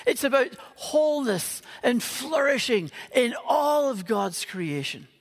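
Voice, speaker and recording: Preaching on Christmas Eve in a church auditorium, a Northern Irish pastor speaks earnestly but drops in playful jokes along the way. His very high-pitched voice is sing-song, slow and gravelly, with a big-room sound around it.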